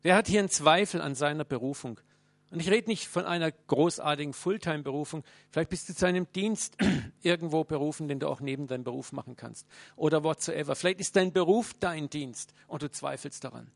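Gravelly-voiced man preaching earnestly. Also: fairly high pitch, fairly quick, dry recording. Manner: earnest preaching, speaks straight to listeners, swings between loud and hushed. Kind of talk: sermon.

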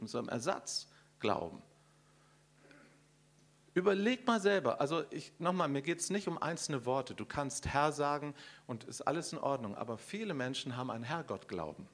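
A middle-aged man preaching a sermon, talking straight to his congregation with questions and swinging from loud emphasis to hushed quiet. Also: fairly high pitch. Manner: addresses the congregation directly with questions.

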